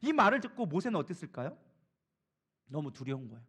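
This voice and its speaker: A man's voice: fairly high pitch, very animated, quick pace, a bit bright, husky. A male pastor preaching a sermon, acting out biblical figures in casual everyday speech. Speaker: co-lead pastor.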